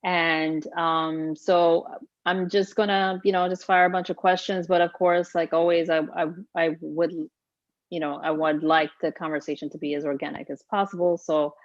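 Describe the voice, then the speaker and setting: Brief: lower-pitched woman coach hosting a live chat, dull lo-fi audio. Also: flat delivery, normal speed, no echo. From Haiti. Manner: chatty, laughs often, many fillers. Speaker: fitness coach and host. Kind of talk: casual live-stream interview.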